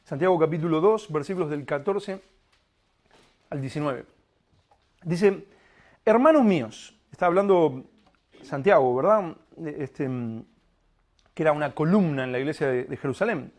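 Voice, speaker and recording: A man preaching a sermon as pastor, asking rhetorical questions and slowing right down to stress each phrase of scripture. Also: on the high side. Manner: animated preaching, rhetorical questions, slow emphatic reading of scripture.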